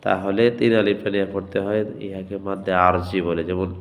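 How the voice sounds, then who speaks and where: A man teaching Quran reading, spelling out letters syllable by syllable and chanting words in long drawn-out tones. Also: low voice, little pitch movement, big-room sound. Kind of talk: slow spelling-out lesson with chanted recitation.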